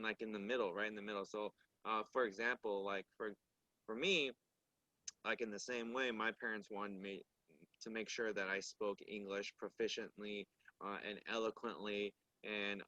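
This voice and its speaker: A Korean-speaking man, talking in a second language, reflects carefully during a casual discussion and keeps restarting his phrases. His voice is on the low side, steady yet pushed and bright. The recording is lo-fi, with no room sound.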